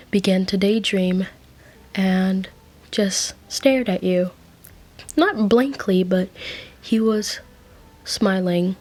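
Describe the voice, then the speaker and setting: Woman narrator, whispered role-play, slow, casual asides, middle pitch. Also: mellow. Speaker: fan fiction narrator.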